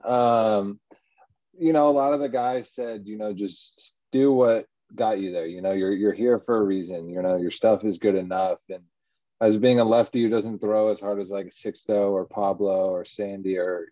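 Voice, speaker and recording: A man, a baseball pitcher answering interview questions in an easygoing, rambling way. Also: mellow, no echo. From Texas, USA. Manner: easygoing, rambling, many ums and you-knows. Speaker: professional baseball pitcher, guest. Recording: dull, muffled lo-fi sound.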